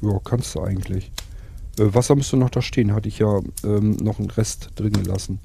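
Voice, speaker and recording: Gravelly, husky man, low and dark, rambling enthusiastic host for survival role-play. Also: fairly even intonation, fairly quick, a little hiss or hum. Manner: rambling, enthusiastic, many fillers.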